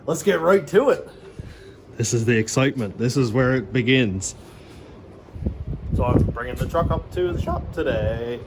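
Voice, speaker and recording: A man vlogging about building his hot rod, talking in a relaxed, rambling way with fillers, recorded on a camera mic outdoors and in a garage. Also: on the high side. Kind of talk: casual shop vlog. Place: outdoors in wind and in a garage shop. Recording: noisy outdoor wind and traffic.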